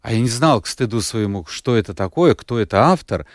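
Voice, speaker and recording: A radio host appears here as a guest in a relaxed conversational interview. His mid-range voice has lively intonation and a brisk pace, captured in a dry, clean studio recording. He rambles with lots of fillers and restarts and sounds unwell, as if recovering from an illness.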